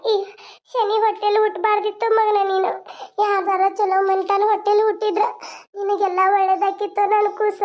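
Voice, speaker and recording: A woman voicing a grieving young mother with a North Karnataka Kannada accent, mourning her newborn in a pleading lament. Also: very high-pitched. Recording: dull lo-fi sound.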